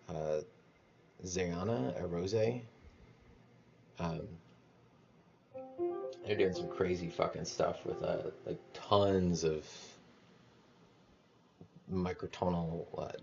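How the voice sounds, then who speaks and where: A man rambling in a casual monologue about music theory, halting and restarting as he thinks aloud. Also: sits low, gravelly, a little mellow, lo-fi sound, a little hiss or hum. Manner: musing, halting, many restarts and swearing.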